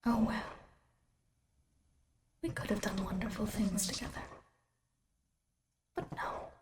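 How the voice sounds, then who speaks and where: A woman voicing an eerie, coldly coaxing doll-faced creature in a tabletop game, in a breathy whisper with slow, theatrical phrasing. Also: mid-range voice, steady tone, slight background noise, lightly acted. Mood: disappointed menace. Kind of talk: tabletop game villain role-play. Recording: music behind the voice.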